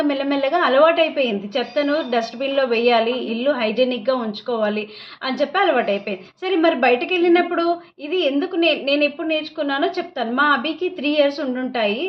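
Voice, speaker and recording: A mother, telling a story to camera in a lively, animated way. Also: sits high. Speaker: mother and vlogger. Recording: dull lo-fi sound.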